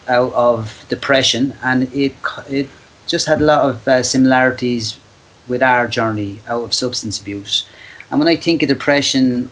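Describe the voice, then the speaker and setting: A man with an Irish accent hosting a casual podcast interview, often halting as he searches for words. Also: mid-range voice, poor audio. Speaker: podcast host.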